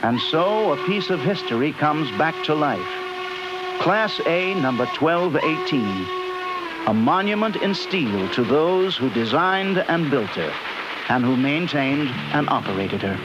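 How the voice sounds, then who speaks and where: A man giving scripted documentary narration in a measured, reverent manner. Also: a little high, sing-song, very noisy. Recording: dull vintage video soundtrack with loud music.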